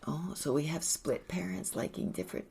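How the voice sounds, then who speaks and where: A woman's voice: deep voice, normal speed, vocal fry, mellow, breathy edge. A woman co-hosting a casual podcast, reading Bible verses and asking curious questions with light jokes. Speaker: podcast co-host.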